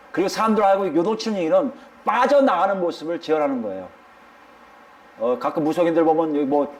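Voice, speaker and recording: A man's voice: on the high side, a little mellow. A male pastor preaching a sermon, speaking emphatically and addressing the congregation directly.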